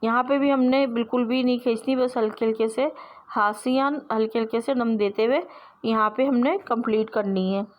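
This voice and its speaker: A woman's voice: on the high side, steady tone, normal speed, lo-fi sound. A woman teaching sewing step by step, explaining patiently and repeating herself as she works with her hands.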